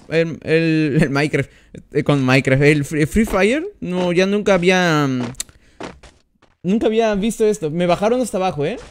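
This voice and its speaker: A man's voice: sits high, slight background noise. A man commenting on his mobile gameplay during a live stream, chatting and greeting each viewer by name as he plays. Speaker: gaming streamer.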